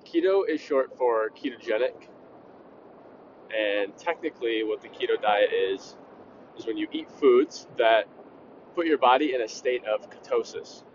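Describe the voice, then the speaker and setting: A man's voice: medium pitch, lively intonation, a little slow, muffled recording, noisy background. A young man hosting his own podcast, talking casually and bluntly, with the odd swear word. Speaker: podcast host. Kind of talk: casual solo podcast talk.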